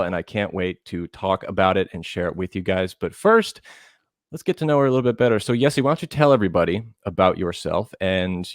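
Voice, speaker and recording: A man's voice: sits low, no room sound, studio quality. A man hosting a casual podcast interview, chatty and enthusiastic. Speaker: podcast host.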